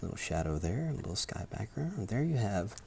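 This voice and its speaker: A man presenting a software tutorial, giving brisk step-by-step instructions. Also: lowish voice, very animated, gravelly, a little hiss or hum.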